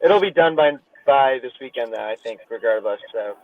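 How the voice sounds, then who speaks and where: A man's voice: medium pitch, animated, moderate pace. A man giving a casual status update while driving, heard over a thin phone line from his car, hesitant and restarting his sentences. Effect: thin phone line from a moving car. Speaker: developer.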